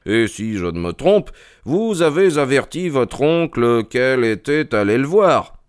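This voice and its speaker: Audiobook: man playing a keen, methodical detective, slow deliberate questions, crisp voice. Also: mid-range voice, very animated, no room sound, studio quality. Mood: measured. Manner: measured, inquisitive. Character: sharp, calm male detective, keen and methodical. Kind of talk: audiobook character reading.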